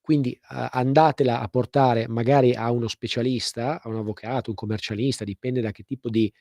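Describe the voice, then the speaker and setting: Uomo dalla voce morbida, conduttore radiofonico. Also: male voice, mid-range voice, steady tone, fairly quick, mellow, no echo, studio quality. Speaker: radio host and legal advice presenter. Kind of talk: live call-in radio talk.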